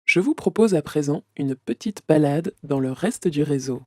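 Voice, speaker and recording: A performer voicing a friendly virtual assistant AI with a synthetic robot-like sound. It announces things politely and brightly, like a system welcome message. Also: mid-range voice, animated, normal speed, no room sound, clean studio sound. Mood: cheerful welcoming. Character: cheerful virtual assistant AI of a social network. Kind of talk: audio drama.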